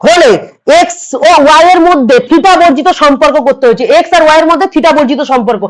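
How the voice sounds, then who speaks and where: Fast-talking hoarse West Bengal tutor woman. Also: sits high, rough recording. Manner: repeats each step, coaxing students along. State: hoarse from a cold. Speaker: math tutor. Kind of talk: online exam-prep math lesson.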